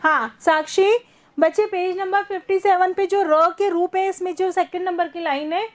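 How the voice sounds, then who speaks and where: Woman teacher, very high voice, patient, slow repeated words, online class. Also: fairly even intonation. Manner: patient, repeats words slowly for young children. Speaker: primary school teacher.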